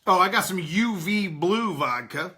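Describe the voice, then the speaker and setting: This podcast host has a high, bright, forceful voice, animated yet unhurried. In unscripted casual talk, he reads live chat and banters with viewers, rambling loosely, swearing, and laughing a lot.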